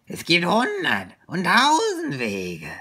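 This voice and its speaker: A man voicing a wise, bossy female crow in a read-aloud children's story, with a high, squawky, commanding voice. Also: huge pitch swings, takes it slowly, pushed and bright, heavily acted. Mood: puzzled.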